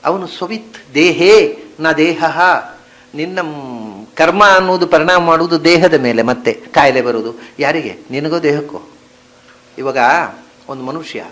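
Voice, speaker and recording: A man, teaching a scripture discourse, chanting verses and then explaining them, moving from soft murmurs to emphatic stresses. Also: fairly high pitch, poor audio. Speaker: spiritual teacher.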